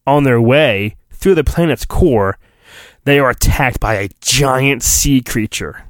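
In a dry recording, a mid-range male voice hosts a solo podcast and performs a children's storybook with mock drama. Theatrical, stretched-out emphasis mixes with offhand, flippant remarks.

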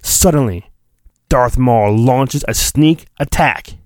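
Here a man with a medium-pitched, slightly mellow voice hosts a solo podcast, hamming up a children's storybook as a mock-dramatic reading. The audio is clean studio quality without echo. Expect theatrical flair, stretched-out emphasis, and flippant remarks.

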